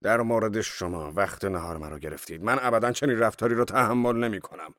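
Irritated man snapping down a phone line, voiced by a male audiobook narrator, lowish voice, dry sound. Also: fairly bright tone, no room sound, lightly acted. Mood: annoyed. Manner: raised, annoyed.

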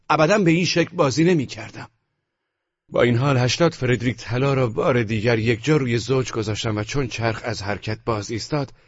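Male narrator, novel reading, measured, husky, dull lo-fi dry sound. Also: mid-range voice, no room sound. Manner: measured, even storytelling. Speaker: audiobook narrator. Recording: dull lo-fi audiobook recording.

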